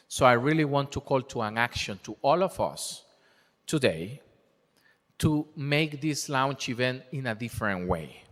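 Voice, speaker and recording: A man's voice: mid-range voice, fairly bright tone. A man giving a passionate, rallying speech at a launch event, asking the crowd questions. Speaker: program presenter at a launch event. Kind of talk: speech to a live audience. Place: large conference hall. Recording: long reverb of an event hall.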